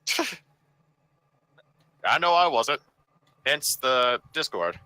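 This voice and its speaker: Slow-talking man, very bright voice. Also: medium pitch, very animated, low-quality recording. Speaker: player. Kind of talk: casual game chat.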